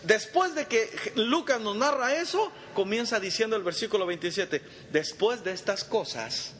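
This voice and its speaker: Male Bible study teacher, high voice, chatty, quizzes his listeners; long reverb and faint background noise. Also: expressive, normal speed, fairly bright tone. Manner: quizzes the group and calls them brother.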